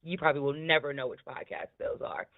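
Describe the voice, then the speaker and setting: A deep-voiced, smoky woman talks fast in an easygoing, candid chat about podcasts, swearing plenty and laughing frequently. The recording has the tinny, thin quality of a phone line.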